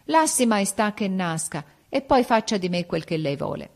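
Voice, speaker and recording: A woman's voice: mid-range voice, sing-song, moderate pace, gravelly, darkish tone. A woman reading the part of a humble young woman who pleads tearfully for mercy. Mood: pleading.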